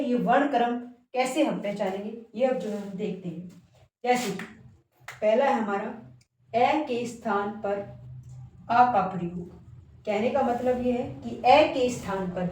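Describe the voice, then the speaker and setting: A woman teacher with a fairly high voice gives a spelling lesson, repeating each word and asking her class questions. She is recorded from a distance in a strongly echoing room. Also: a little mellow. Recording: very echoey room, voice from far off.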